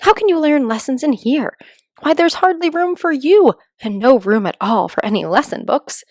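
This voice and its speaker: A woman's voice: sits high, expressive, normal speed, no room sound, clean studio sound, voice pushed up. A woman voicing a curious, prim, dreamy little girl in a children's storybook, musing aloud to herself. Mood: chiding.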